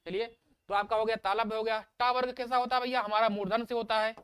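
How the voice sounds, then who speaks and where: A male teacher runs a live exam-prep class, saying each sound aloud and coaxing answers from his students. His voice is smooth and resonant. It sounds dry and close, with no room echo. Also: high voice, fairly even intonation, fast, a bit bright.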